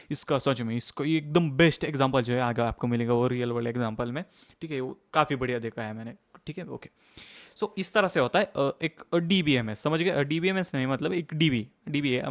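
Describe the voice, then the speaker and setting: A young man teaching a course over a screen share, talking fast in a casual way and checking in often with "okay". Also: fairly high pitch. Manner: fast-talking, mixes English terms into Hindi, frequent "okay, theek hai" check-ins. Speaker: course instructor.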